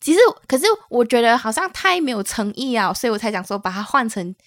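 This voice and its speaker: A woman's voice: fairly high pitch, very animated, fast talker, fairly bright tone, no room sound. A woman with a Malaysian Mandarin accent chatting casually as a podcast co-host, mixing in English words. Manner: mixes English words into speech. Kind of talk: casual chat.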